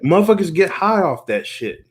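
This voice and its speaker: A man's voice: sits high, very animated, moderate pace. A man hosting a casual podcast chat, talking earnestly, repeating and restarting phrases and swearing freely.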